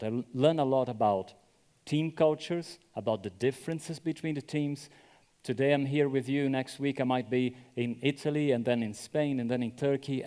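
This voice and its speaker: A man's voice: mid-range voice, mellow. Man giving a conference talk, echoey hall. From Brazil. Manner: conversational, often checks with "right?". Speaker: conference speaker. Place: conference venue.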